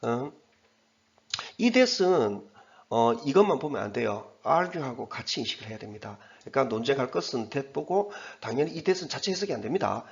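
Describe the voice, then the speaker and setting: Man, English teacher, exam-prep lecture, step-by-step explaining, animated pitch, dull lo-fi recording. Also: brisk, vocal fry, hardly any pauses. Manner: explains step by step, pointing at the text on the board; mixes English terms into Korean explanation.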